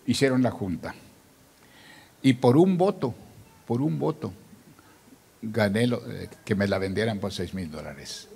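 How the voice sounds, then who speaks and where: An older male pastor gives a testimony sermon in a gravelly voice. He tells the story with lively acted-out dialogue and climbs from hushed asides to loud, emotional high points. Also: a little slow, long pauses, in a large hall.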